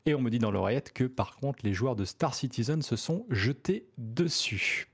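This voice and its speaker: A man's voice: mid-range voice, animated, normal speed, slightly rough. A man hosting a casual gaming news chat, talking with many hesitant fillers and joking asides. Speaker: host of a gaming news show.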